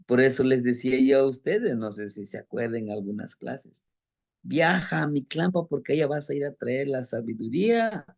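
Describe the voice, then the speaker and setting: A man's voice: mid-range voice, moderate pace, gravelly, darkish tone. A man teaching a group about ancestral tradition, telling a student's story and asking his listeners rhetorical questions. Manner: storytelling, acting out a student's account; addresses listeners as brothers, asks rhetorical questions.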